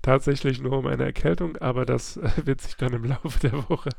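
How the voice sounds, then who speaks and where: Hosting a laid-back book club podcast despite a slight cold, this man speaks at a medium pitch with a gravelly edge. His style is chatty, full of laughter and filler sounds. The sound is dry and close, nothing around it.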